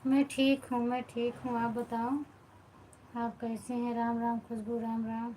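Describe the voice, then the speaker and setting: Soft-spoken woman greeting stream viewers. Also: a little high, completely flat delivery, measured pace, slight background noise, poor audio. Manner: quiet, keeps her voice down while others sleep; warm greetings, devotional blessings to viewers. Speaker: live-stream host chatting with viewers. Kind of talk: casual live chat. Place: home at night.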